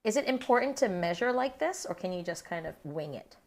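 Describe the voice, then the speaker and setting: A woman's voice: medium pitch, expressive, brisk. A woman co-hosting a cooking stream, bantering playfully and asking the cook questions. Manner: playful and teasing, asks questions. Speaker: co-host reading chat.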